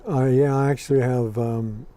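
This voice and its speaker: This interview guest is a man in his sixties with an American accent who was born in Scotland and grew up in Ireland and Los Angeles. Speaking at a moderate pace, he keeps his medium-pitched, dark-toned voice fairly even and his answers plain and dry.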